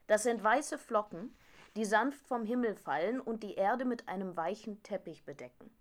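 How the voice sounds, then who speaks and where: A woman reading a storybook, voicing a chatty, well-traveled talking songbird in a bright, explaining tone. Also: mid-range voice, animated, moderate pace, close to an everyday voice.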